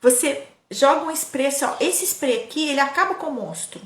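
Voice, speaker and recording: A woman, a parenting educator telling childhood stories in a lively, casual way, often turning to her audience. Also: sits high, brisk. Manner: lively, keeps addressing the audience. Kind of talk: casual storytelling talk. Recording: echoey room.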